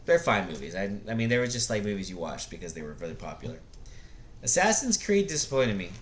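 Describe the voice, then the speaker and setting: There's slight background noise as a man with a fairly low voice talks fast, his pitch swinging widely. Like a video blogger, he gives unscripted, blunt opinions, rambling and often hesitating as he gropes for the right words.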